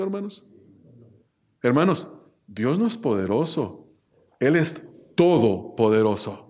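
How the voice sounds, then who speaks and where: Emphatic male preacher, fairly high voice. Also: a little mellow. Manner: emphatic, repetitive, rhetorical questions. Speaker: pastor. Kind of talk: sermon.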